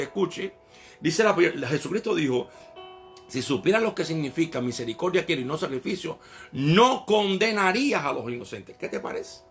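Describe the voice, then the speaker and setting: Animated man preaching, often says brother. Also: high-pitched. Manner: animated preaching, often calls the listener "hermano". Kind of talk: sermon.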